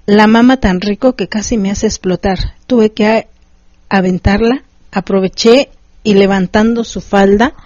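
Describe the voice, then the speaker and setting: Dry, steady woman storyteller. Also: medium pitch, no echo. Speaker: podcast host and storyteller. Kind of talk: reading an erotic story aloud, then casual chat. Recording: dry, slightly dull sound.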